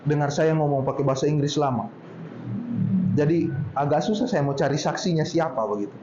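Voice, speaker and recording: A man's voice: on the high side, a little fast, noisy background. A man giving a conversational public talk, chatting with the audience as friends. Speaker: seminar speaker. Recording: echoey, dull room recording.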